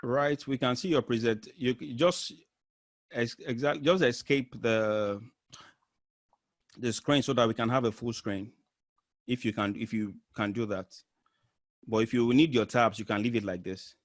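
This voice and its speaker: A man's voice: medium pitch, a little slow, long pauses, dry recording. A man giving a live online marketing training over a video call, explaining step by step with frequent restarts.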